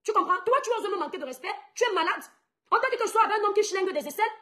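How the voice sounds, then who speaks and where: A woman's voice: very high-pitched, animated, rapid-fire, bright, forceful tone. A young woman from Cameroon, a blogger, ranting indignantly at her followers, mocking her rivals and repeating her points for emphasis. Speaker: online blogger. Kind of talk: angry rant to followers.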